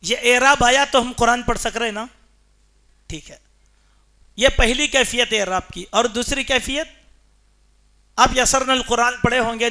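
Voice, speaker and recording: Man preaching, very high pitch, emphatic questions to the congregation. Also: bright, forceful tone. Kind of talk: Friday sermon. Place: mosque.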